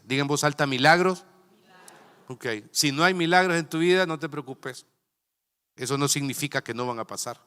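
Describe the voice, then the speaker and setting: A man's voice: mid-range voice, bright, forceful tone, clear, resonant tone. A middle-aged Salvadoran man preaching a sermon as pastor, in a folksy, conversational way full of asides and rhetorical questions, recorded in a church sanctuary. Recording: long reverb of a large church hall.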